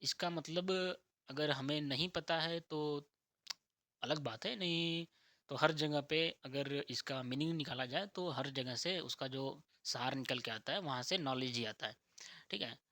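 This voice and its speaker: Male spiritual teacher, fairly high bright voice, dry close sound, asks and answers his own questions. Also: unhurried, dry recording. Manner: asks rhetorical questions, answers them himself; keeps checking in with "theek hai". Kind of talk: explanatory talk on spirituality and nature.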